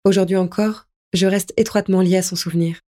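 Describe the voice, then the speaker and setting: A woman narrating a first-person audiobook in a soft, tender, melancholy way. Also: medium pitch, steady tone, fairly quick.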